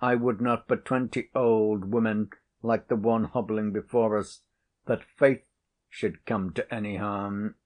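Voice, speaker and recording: A man reading aloud and voicing a calm, sly older male traveller who is the devil, speaking in a measured way. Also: on the low side, natural voice. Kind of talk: audiobook character reading.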